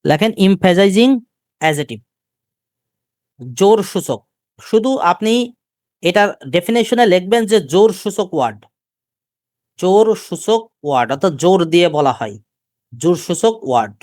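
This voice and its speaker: A male teacher with a Bangladeshi Bengali accent gives a live grammar lecture. He keeps asking the class questions and repeats key terms slowly. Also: high voice, lively intonation, a little mellow, no echo, clean studio sound.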